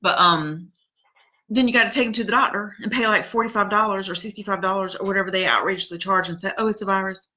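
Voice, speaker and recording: A woman's voice: medium pitch, fast talker, bright, forceful tone, low-quality recording. A woman in her forties hosting a casual live chat, rambling through funny family stories and laughing at them. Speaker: podcast host reading live comments.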